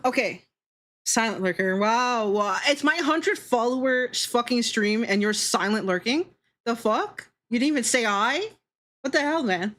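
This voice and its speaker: Drawing during a casual livestream, this woman speaks in a medium-pitched, fairly bright voice. The VTuber teases and giggles with her viewers, cursing without restraint.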